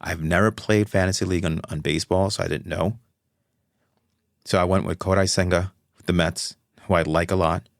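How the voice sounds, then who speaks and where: A man's voice: deep voice, fairly even intonation, normal speed, vocal fry, dry recording, clean studio sound. A man hosting his own podcast, talking casually and rambling, often correcting himself mid-sentence. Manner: rambling, self-correcting, chatty. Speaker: podcast host. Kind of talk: casual solo podcast talk.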